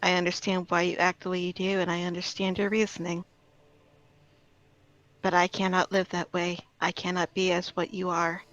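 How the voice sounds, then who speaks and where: A woman playing a gentle, earnest fae-touched woman in a tabletop game, speaking in measured, philosophical riddles. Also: fairly low pitch, flat delivery, lo-fi sound, natural voice. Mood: resolute, gentle.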